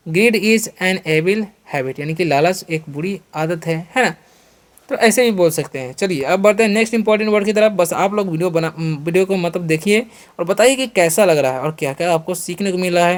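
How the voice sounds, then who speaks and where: An Indian-accented man runs an English vocabulary lesson in a high-pitched voice, repeating questions and answers and slowly, deliberately reading out example sentences.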